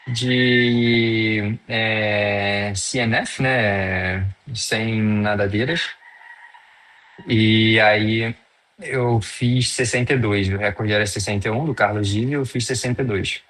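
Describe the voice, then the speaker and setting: A man's voice: mid-range voice, a bit bright. A man with a Brazilian Portuguese accent, a guest in a casual interview, talking in a loose, hesitant way with many fillers and restarts. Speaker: guest, freediver.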